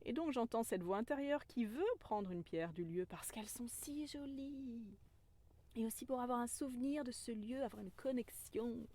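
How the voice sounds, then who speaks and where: A woman who calls herself a medicine woman tells a spiritual story in a gentle, earnest way. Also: fairly high pitch, normal speed, slight background noise. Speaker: spiritual guide, self-described medicine woman.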